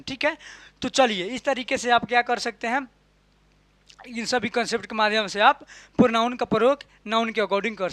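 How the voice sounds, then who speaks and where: A man with a high voice teaches grammar in a Hindi classroom lesson, posing questions and answering them himself while repeating key terms. He closes his points with a soft "ठीक है." The sound is dry, with no room sound.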